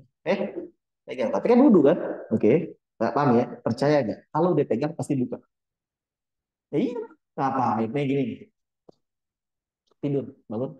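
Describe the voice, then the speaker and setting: A man teaching a religious study circle in a relaxed, joking way. He keeps firing short questions at his listeners and jumps up high now and then. His mellow voice echoes around a roomy hall on a slightly dull recording. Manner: keeps quizzing the audience with quick questions; jokey, animated, with sudden high bursts. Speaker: Islamic teacher leading a study gathering. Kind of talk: casual religious study talk. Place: Islamic boarding school gathering hall.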